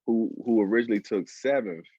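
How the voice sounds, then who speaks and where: A man chatting casually over a video call, joking and laughing between quick asides. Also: fairly low pitch, mellow, no echo, lo-fi sound. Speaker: co-host joining by video call. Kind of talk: casual chat.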